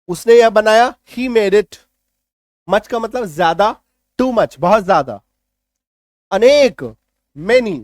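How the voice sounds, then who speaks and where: A man, an English teacher patiently explaining vocabulary in a lesson and often checking if it is clear. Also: sits high, darkish tone, no room sound, clean studio sound.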